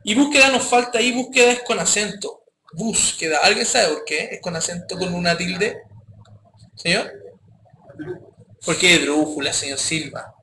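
A man teaching a coding class, his voice high and bright. He speaks casually and keeps checking that the students follow. The sound is echoey, with faint background noise. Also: moderate pace, long pauses. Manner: casual, addresses students directly with frequent checks. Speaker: programming teacher. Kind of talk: live classroom coding lesson.

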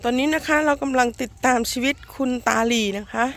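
A woman hosts a homemade comic skit outdoors in a rural garden, narrating with playful, mock-earnest documentary flair and polite sentence endings. Her voice is high-pitched, with fairly even intonation and a fairly quick pace. The amateur outdoor recording is noisy.

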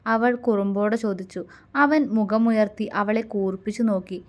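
A woman narrates a romance story in a soft, even storytelling voice. She reads it as scripted narration for her listeners. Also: medium pitch, normal speed.

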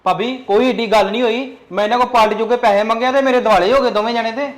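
A man playing a spoiled, demanding younger son in his late teens, whining fast in a home-made family skit. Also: very high-pitched, steady tone. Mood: pleading. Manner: whiny, demanding, fast-talking. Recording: echoey room, faint music.

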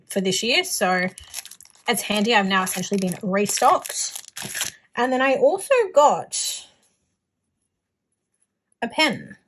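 A young Australian woman gushes over her planner haul in a casual, chatty show-and-tell. Her medium-pitched voice is a bit bright, and the rough recording has a little hiss or hum.

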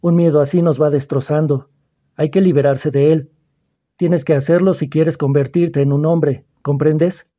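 Man reading as a calm probing mysterious schoolboy. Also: fairly high pitch, unhurried, lightly acted. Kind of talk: audiobook reading.

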